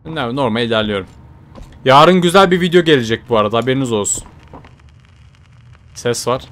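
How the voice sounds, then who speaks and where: A young man giving chatty horror game commentary, talking to his viewers, jumping from low mutters to startled shouts. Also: animated, brisk. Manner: chatty, addresses viewers directly. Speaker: gaming YouTuber.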